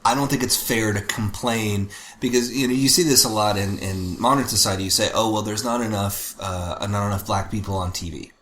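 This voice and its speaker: A man's voice: on the low side, brisk, few pauses, fairly bright tone. A man co-hosting a podcast in casual chat, thinking aloud and correcting himself as he goes. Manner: thoughtful, rambling and self-correcting. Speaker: podcast co-host. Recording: roomy with faint background noise.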